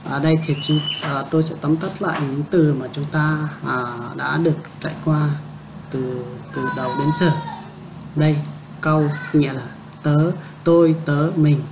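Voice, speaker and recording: A man teaching a casual language lesson. He patiently repeats words slowly and keeps checking that listeners understand. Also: fairly high pitch, fairly even intonation, over music. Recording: dull lo-fi with faint background noise.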